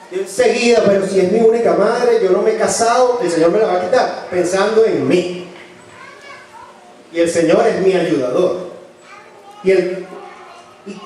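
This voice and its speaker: A man's voice: high voice, a little mellow, far from the mic. A man preaching a sermon, telling personal stories earnestly and changing his voice for quoted speech. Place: church hall. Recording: very echoey church from afar, faint noise.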